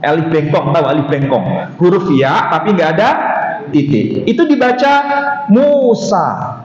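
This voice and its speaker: A man leads a mosque study lecture in a voice on the high side, expressive and darkish, keeping a measured pace. He asks himself rhetorical questions and then answers them. The hall recording sounds dull and echoey, with a little hiss or hum.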